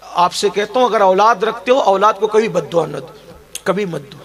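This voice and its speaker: A man's voice: sits high, vocal fry, fairly bright tone. A man preaching an emotional Islamic sermon, telling a story with rising emphasis.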